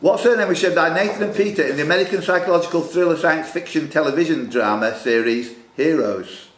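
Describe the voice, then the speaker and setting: Speaking fast and fairly high, a man runs a quiz in a club room, reading questions aloud and joking around teasingly with the audience. The room sounds echoey, with noise in the background.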